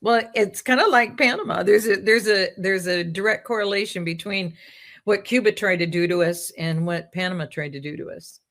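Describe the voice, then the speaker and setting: A woman's voice: mid-range voice, normal speed, a bit bright. A woman guest in casual talk-show conversation, telling rambling stories with jokes and asides.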